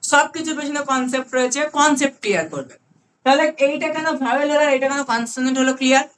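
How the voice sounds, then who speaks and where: A woman with a Bengali accent teaching an online grammar class, explaining patiently, repeating key words slowly and checking that students follow. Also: high voice, a little hiss or hum. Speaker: English grammar tutor.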